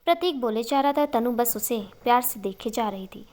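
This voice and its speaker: A woman narrates a dramatic romance story, reading every part in her own voice. Her voice sits a little high for a woman. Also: moderate pace, darkish tone.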